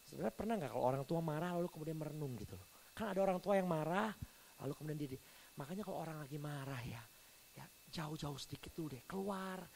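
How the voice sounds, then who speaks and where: A man preaching a sermon as pastor, telling stories with sudden swings from soft to loud. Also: on the high side, quick pace, creaky, a little hiss or hum, low-quality recording. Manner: animated storytelling with big swings in volume.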